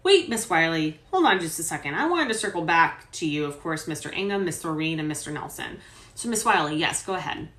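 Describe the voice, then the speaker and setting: A woman's voice: low-pitched, lively intonation, brisk, fairly bright tone. A woman voicing a presiding judge keeping an orderly, procedural hearing, as a dramatic reading of a court transcript. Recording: roomy echo.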